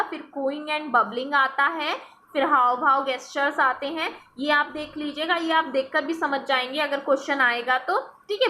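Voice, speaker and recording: Bright, high-voiced woman teaching. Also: a little hiss or hum. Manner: explanatory, repeats "theek hai" as a check-in. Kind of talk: exam-prep lecture.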